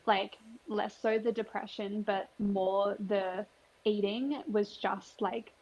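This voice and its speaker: A woman in her twenties co-hosts a podcast, speaking slowly in a steady, mid-range voice with a darkish tone. Her casual talk is candid and frank, with frequent eager agreeing responses, and the sound is lo-fi.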